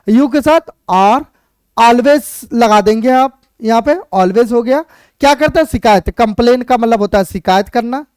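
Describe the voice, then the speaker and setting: English grammar teacher, patient step-by-step explaining, rhetorical questions, slow spelled-out examples, dry close sound. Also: medium pitch, a little mellow, no room sound. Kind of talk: Hindi-medium English grammar lesson.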